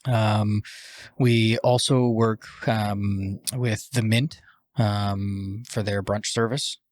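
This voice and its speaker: A Canadian man who owns a cafe and roasts coffee, talking casually in a podcast interview and pausing often with fillers. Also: on the low side, fairly even intonation, no echo. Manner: hesitant, frequent "um" fillers.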